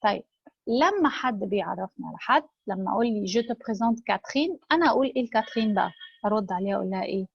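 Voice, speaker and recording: A woman with an Egyptian Arabic accent, teaching French in a recorded lecture. She says each French word slowly, then repeats it. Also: mid-range voice, animated, vocal fry, breathy edge, dry recording. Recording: dull, dry lo-fi recording.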